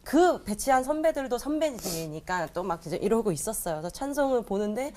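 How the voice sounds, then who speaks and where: A woman's voice: mid-range voice, a little fast, a little hiss or hum. A woman comedian sharing a personal testimony, telling it vividly and acting out the voices of the people in it. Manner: animated storytelling, acting out quoted voices.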